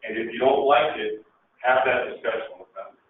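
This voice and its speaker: A man's voice: medium pitch, fairly even intonation, moderate pace, narrow, tinny audio, a little hiss or hum. Casual, emphatic man in an echoey, far-off room. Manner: conversational, joking, emphatic. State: out of breath. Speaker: presenter at a legal education seminar. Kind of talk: conference talk.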